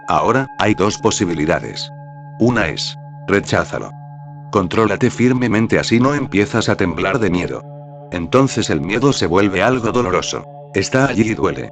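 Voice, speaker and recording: Low-pitched male narrator for a meditative teaching script, steady and instructive, faint music bed. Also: moderate pace. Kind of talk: scripted narration of a spiritual talk. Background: faint background music.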